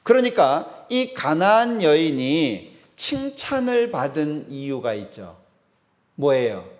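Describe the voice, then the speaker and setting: A man's voice: a little high, sing-song, slow pace. A man preaching a sermon as a pastor. He asks the congregation questions, answers them himself, and acts out the voices of the people in the Bible story.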